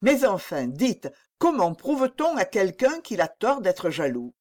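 An ardent young king pleads with mounting passion, read by a woman narrator. The delivery is slow and deliberate, with pitch that rises and falls broadly. Heard as an audiobook reading. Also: sing-song. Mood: pleading. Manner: impassioned, exclaiming.

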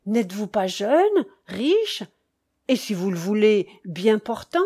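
Woman reader doing a carefree young french count, breezy and upbeat, mellow tone, slow audiobook read. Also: mid-range voice, sing-song, breathy edge, full character voice. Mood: cheerful. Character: cheerful, frivolous young French count, man.

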